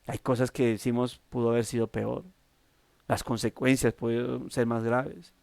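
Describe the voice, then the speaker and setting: A man with a Colombian accent preaching a devotional sermon, halting with many restarts and fillers. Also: medium pitch, little pitch movement, vocal fry, a little mellow, dry recording. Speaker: pastor.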